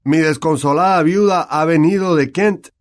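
A man's voice: on the high side, moderate pace, voice pushed up, close to an everyday voice. A man with a Latin American Spanish accent voicing a proud, somewhat melancholy old male ghost who talks in a stately way. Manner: stately, a little sad.

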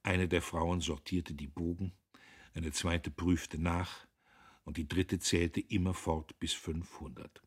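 Very husky, deep male narrator. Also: level tone, slow. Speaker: audiobook narrator. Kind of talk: literary audiobook reading.

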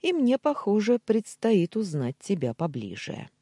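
A woman voicing the story's hero, a cold, sardonic young man who speaks slowly and deliberately. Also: mid-range voice, big pitch swings, mellow, no room sound, studio quality, pitched above the performer's own voice.

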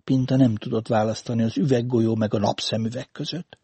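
A man reading a literary story aloud as an audiobook narrator, in a measured, deliberate way. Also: medium pitch, level tone, warm tone, breathy edge, dry recording.

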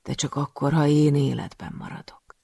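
Man voicing a gravelly scheming cult master. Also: fairly high pitch, steady tone, mellow, no echo, studio quality. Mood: pleading. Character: cruel scheming male cult master, pleading.

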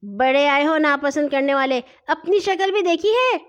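Woman doing a loud bossy bully boy. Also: sits high, lively intonation, pitched above the performer's own voice. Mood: mocking. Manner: loud, scolding, quick. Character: bossy, rough bully boy who hits and scolds.

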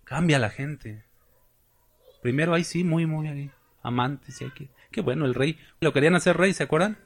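Slightly high and breathy, a man's voice moves at a moderate pace as he delivers a sermon in a Mexican accent. He questions his congregation emphatically and keeps things conversational with joking, colloquial remarks.

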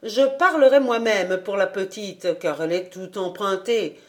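A woman's voice: medium pitch, unhurried, lightly acted. A woman voicing an eager young country woman who chatters deferentially to her superior in a storybook reading.

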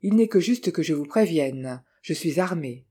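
Reader doing a suave gentleman thief. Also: mid-range voice, animated, normal speed, slightly rough. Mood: calm warning. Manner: polite, dryly ironic. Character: suave cultured gentleman thief, ironic and calm.

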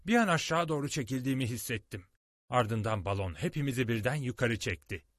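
A man narrating a storybook audiobook in an expressive, dramatic way, recorded on a close studio mic. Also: mid-range voice, fairly quick, no echo.

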